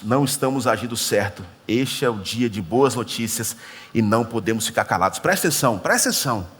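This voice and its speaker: A man's voice: medium pitch, fairly bright tone. A male pastor preaching a sermon, telling a story with acted-out dialogue and humorous asides. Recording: church hall reverb.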